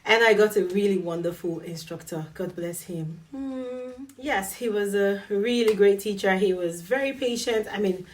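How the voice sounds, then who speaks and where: A woman's voice: mid-range voice, moderate pace, hardly any pauses, distant mic. A woman vlogger telling a personal story in a casual, chatty way, laughing often and acting out what people said to her. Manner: chatty, laughs often, acts out quoted dialogue.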